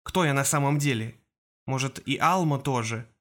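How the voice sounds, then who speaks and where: A man's voice: mid-range voice, normal speed, a bit bright, lightly acted. A man playing an anxious stammering teen mage. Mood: worried. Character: scared teenage boy mage.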